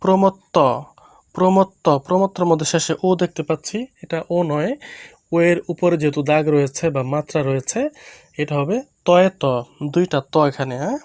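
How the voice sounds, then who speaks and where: A male teacher with a Bangladeshi Bengali accent, giving a slow primary school reading lesson and saying each word twice. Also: a little high, steady tone, a little mellow, no room sound. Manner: slow, repeats each word twice, explains letters patiently.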